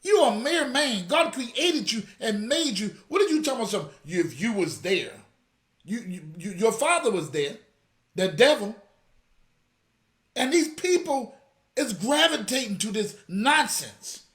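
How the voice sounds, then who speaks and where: A man's voice: extremely high pitch, animated, a little slow, fairly bright tone, roomy sound. A man hosting a religious commentary show, fiery and scolding, calling out to his audience directly. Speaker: apostle and show host. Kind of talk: reaction commentary.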